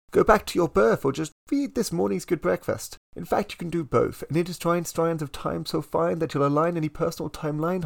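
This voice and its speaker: A man voicing a smooth-talking male salesman who theatrically pitches a trip into the past, performed as a spoken-word poem.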